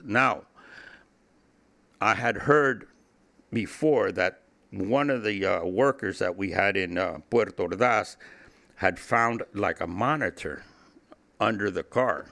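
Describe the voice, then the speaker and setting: A middle-aged Cuban man, a former drug trafficker appearing as an interview guest, tells a first-person story casually and acts out the dialogue as he goes. His voice sits low with vocal fry and sounds pushed and bright.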